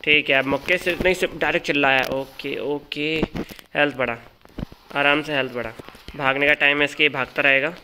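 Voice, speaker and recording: A man giving excited live commentary as he calls out a boss's moves and talks to his character. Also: a little high, a little fast, noisy background. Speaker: gaming channel host.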